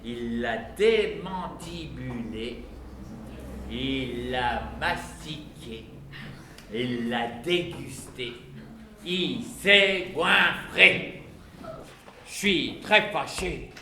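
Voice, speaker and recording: A man's voice: on the high side, lively intonation, noisy background, exaggerated voice. A man growling as a furious storybook wolf. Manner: drawn-out, stressed words. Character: furious wolf, slow and emphatic. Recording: echoey live room.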